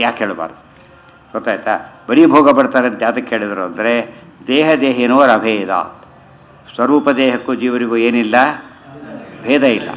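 Man slowly expounding scripture. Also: mid-range voice, low-quality recording. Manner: chants verses slowly, then explains in quick conversational asides. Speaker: religious teacher. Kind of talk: scripture commentary lesson.

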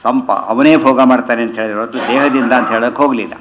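Man slowly expounding scripture. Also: mid-range voice, steady tone, noisy background. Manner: chants verses slowly, then explains in quick conversational asides. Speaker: religious teacher. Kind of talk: scripture commentary lesson.

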